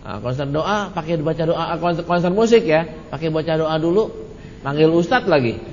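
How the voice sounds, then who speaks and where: A man's voice: a little high, moderate pace, darkish tone. A man teaching at a religious study gathering, talking casually and joking while answering questions. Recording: echoey hall, muffled lo-fi with faint hiss.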